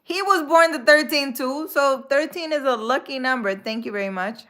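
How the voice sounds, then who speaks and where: A Dominican live-stream host and spiritual healer speaks at normal speed in a high, bright, forceful voice. She chats informally with her audience, laughing often and sprinkling in Spanish words.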